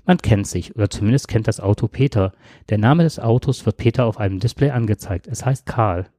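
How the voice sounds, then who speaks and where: A man hosting a podcast, reading a story aloud briskly with casual asides. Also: on the low side, warm tone, no echo, studio quality.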